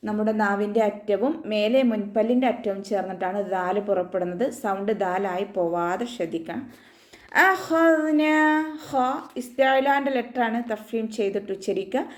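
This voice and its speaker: A woman teaching the rules of Quran recitation, with patient step-by-step instruction and frequent gentle reminders. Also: medium pitch, fairly even intonation, normal speed. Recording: echoey room.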